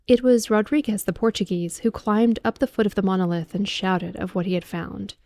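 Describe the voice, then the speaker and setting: A woman reading a horror audiobook as a calm bedtime ASMR narration, soft, measured and deliberate. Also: medium pitch, no echo, studio quality.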